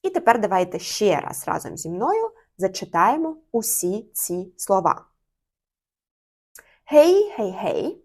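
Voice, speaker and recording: A young woman, a Swedish teacher, runs a friendly online lesson at a medium pitch. She speaks clearly and repeats each phrase slowly so that learners can follow. Her delivery is steady and instructive.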